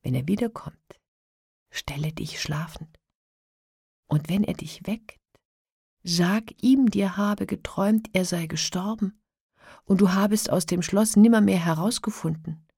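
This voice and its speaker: Calm young prince, read by a woman. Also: mid-range voice, unhurried, gravelly, pauses often, slightly rough, no echo, clean studio sound. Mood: advising.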